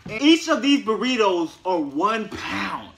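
A young man talking casually in a fitness vlog, profane and joking, with sudden loud yelled bursts. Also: high voice, big pitch swings, measured pace. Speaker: fitness vlogger.

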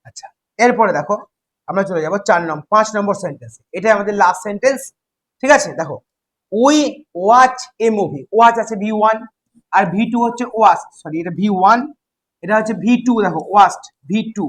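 A man's voice: high-pitched, lively intonation, a little fast, a bit bright, a little hiss or hum, low-quality recording. A man with a Bengali accent teaching an English grammar class, drilling students with repeated questions.

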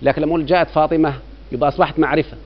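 A man's voice: on the high side, fairly even intonation, racing. A middle-aged man with an Egyptian Arabic accent teaching grammar, constantly asking his students whether they follow. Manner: keeps quizzing students with rhetorical checks. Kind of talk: classroom lecture. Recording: dull lo-fi recording.

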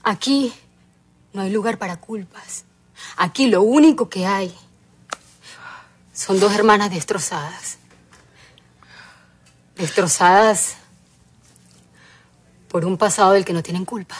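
A compassionate woman in a telenovela who mourns a family torn apart. Her voice is husky and breathy, and her manner is gentle and sorrowful. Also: mid-range voice, takes it slowly, pauses often. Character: compassionate woman lamenting sisters' feud. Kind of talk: telenovela acting.

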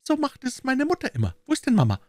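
A man voicing a pale little girl of about five in an audiobook, with a high childlike falsetto and a plaintive manner. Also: huge pitch swings, fast, dry recording, exaggerated voice. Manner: plaintive, then bright and eager. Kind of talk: audiobook character voice.

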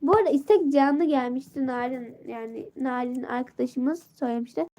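Sick teen girl live streaming on her phone, high voice, stuffy nose, chatty, reads out chat comments. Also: brisk, dark tone. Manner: chatty, greets viewers and reads comments aloud.

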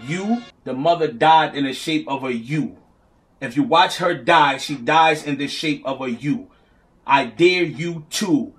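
A man's voice: a little high, measured pace, a bit bright, faint music behind. A man giving casual, mocking commentary on battle rap clips, mimicking the words he repeats.

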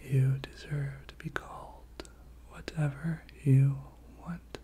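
A person giving a whispered pep talk in soft, breathy ASMR style, repeating short encouraging phrases. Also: medium pitch, level tone, slow pace.

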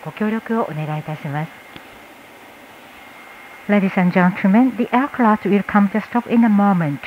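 A woman in a mid-range voice delivers a formal inflight announcement as a flight attendant, keeping a measured pace. Cabin noise surrounds the tinny, noisy PA audio.

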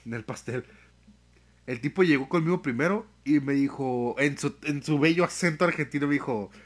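A young man with a Mexican accent, chatting casually on a live stream, full of slang and swearing, telling stories with animated energy. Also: medium pitch, moderate pace. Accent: Mexican Spanish.

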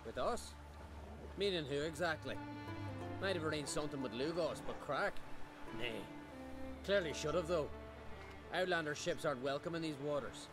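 An actor playing a brash island brawler in a video game who talks bluntly and taunts with folksy, old-fashioned speech. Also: male voice, a little high, expressive, moderate pace, pauses often, lightly acted. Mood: gruff. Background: game music.

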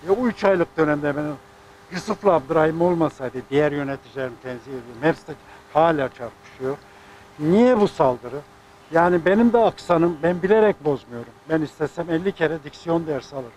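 A man's voice: fairly high pitch, expressive, fairly quick, darkish tone, a little hiss or hum, poor audio. An older man speaking as a sports club president, making an indignant, rambling statement. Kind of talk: press statement.

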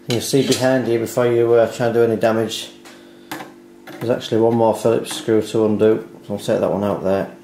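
On the low side and gravelly but warm, a man's steady, brisk voice leads a careful, unhurried repair tutorial step by step. He's indoors at a dining table in a home, and the audio has a roomy echo, hiss, and clicks from handling.

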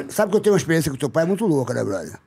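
Excitable male podcast host, quick and gravelly, slangy. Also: a little high, slight background noise. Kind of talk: casual chat.

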